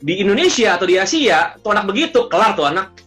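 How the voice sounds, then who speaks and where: A man as a business coach guest in a casual podcast chat, telling lively stories and acting out parents and children. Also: high voice, fast, faint music behind.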